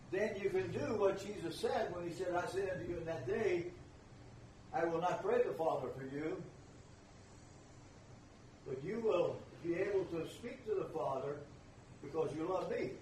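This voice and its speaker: A man's voice: high-pitched, measured pace, pauses often, darkish tone, a little hiss or hum. An older man preaching a sermon, emphatic and repeating his key phrases. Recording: echoey room, voice from far off.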